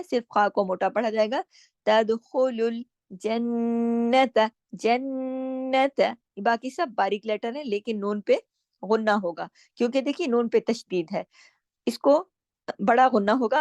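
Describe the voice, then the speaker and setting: Woman, recitation teacher, patient step-by-step explaining, slow drawn-out recitation, dry close sound. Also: fairly high pitch, a little mellow, no room sound. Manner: patient, explains each rule step by step with repeated questions and answers. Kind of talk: Tajweed lesson, explaining and reciting slowly.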